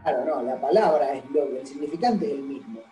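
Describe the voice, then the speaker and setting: A man's voice: medium pitch, lively intonation, brisk, mellow, reverberant, soft background music, low-quality recording. A man giving a university lecture. He explains patiently and keeps checking that the class follows. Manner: explanatory, constantly checks understanding with "¿sí?".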